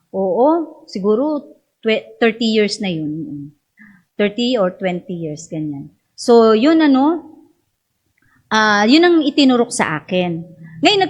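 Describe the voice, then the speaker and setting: A middle-aged woman from the Philippines telling a personal story to her congregation in a chatty way, laughing often and acting out the people she quotes. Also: on the high side. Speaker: speaker sharing a personal story.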